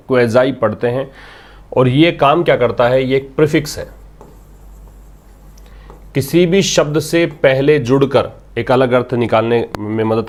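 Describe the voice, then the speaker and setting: A man teaching English vocabulary, patiently explaining words and repeating them, asking questions and answering them himself. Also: medium pitch. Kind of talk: vocabulary lesson explaining a newspaper article.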